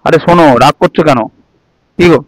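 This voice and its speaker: A man's voice: fairly high pitch, quick pace, no echo, rough recording. A man, pleading and apologizing in a casual home vlog. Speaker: vlogger, husband.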